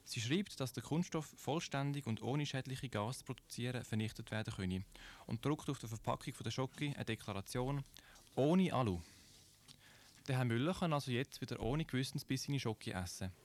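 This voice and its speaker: A man with a Swiss German accent presenting a scripted radio commentary, measured and explanatory, posing rhetorical questions. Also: mid-range voice.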